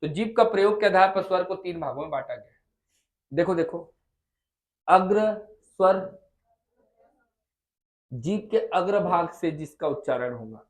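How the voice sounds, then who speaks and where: A man's voice: a little high, lively intonation, moderate pace. A man with a Chhattisgarh Hindi accent teaching a classroom lesson, coaxing his students and sounding out vowels again and again to check they follow. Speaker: Hindi tutor.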